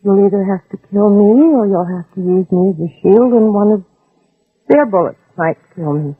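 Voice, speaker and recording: In a 1960s radio drama, an actress voices a courageous, protective mother begging an armed man with tender, earnest persuasion. Her mid-range voice moves at a normal pace and sounds natural. It comes through as an old, band-limited radio recording, husky, dry, phone-like in quality and free of room sound.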